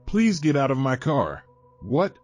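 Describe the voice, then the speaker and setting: A man's voice: mid-range voice, huge pitch swings, unhurried, darkish tone, soft background music. Man reading a frightened young woman driver. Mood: scared, indignant.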